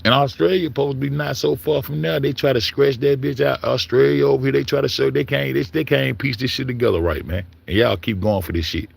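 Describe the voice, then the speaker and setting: Man, gravelly, profane, heated rant, repeats and restarts, mid pitch. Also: steady tone, fairly quick, few pauses. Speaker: commentator. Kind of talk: ranting monologue.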